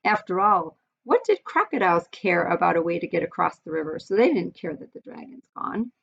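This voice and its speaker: A woman's voice: lowish voice, very animated, brisk, gravelly, a bit bright, slight background noise. A woman teacher reading a picture book aloud to students in a friendly, explaining way, with some fillers. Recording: dull lo-fi recording.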